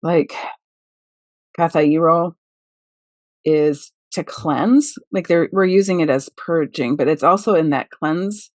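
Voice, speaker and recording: Woman, discussion guest, hesitant and explanatory, low-ish voice, dry sound. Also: slow, no room sound. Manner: tentative, many "like" fillers, explains word meanings. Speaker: podcast discussion participant. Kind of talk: casual discussion of scripture.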